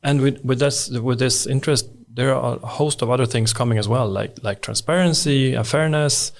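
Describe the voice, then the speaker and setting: A man's voice: medium pitch, normal speed, gravelly. A man, a guest researcher talking thoughtfully in a casual podcast discussion. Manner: thoughtful, frequent brief agreements.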